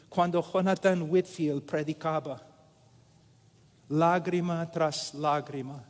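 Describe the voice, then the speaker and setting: A man preaching a sermon in a slow, deliberate way with many pauses. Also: fairly high pitch. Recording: echoey hall with long reverb.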